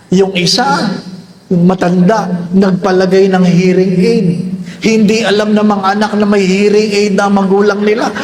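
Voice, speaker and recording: An older man, a priest, giving a humorous sermon, joking and checking in with the congregation again and again. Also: high voice. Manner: jokey, constantly checks in with the congregation.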